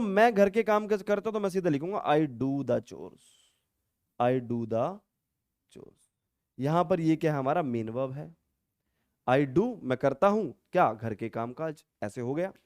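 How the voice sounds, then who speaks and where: A man with a high voice teaches English grammar to the camera, going step by step and stopping to ask the viewer questions. He acts out insistent, emphatic replies to show how the words are stressed. The sound is dry and close, with no room around it. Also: measured pace, a little mellow, no room sound. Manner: explains step by step, asking the viewer rhetorical questions. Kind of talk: classroom-style grammar lesson.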